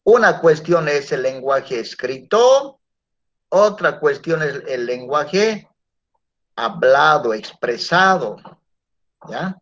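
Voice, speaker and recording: Slow-talking male teacher, dull recording. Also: on the high side, animated, fairly bright tone. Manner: questioning students with frequent tag questions. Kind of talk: classroom lecture.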